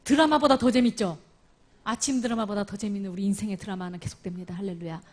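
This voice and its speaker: A woman telling her life story as a church testimony, moving from loud exclamations to near whispers. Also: medium pitch, fairly even intonation, fast. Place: church service. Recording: music playing clearly behind her voice. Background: instrumental music.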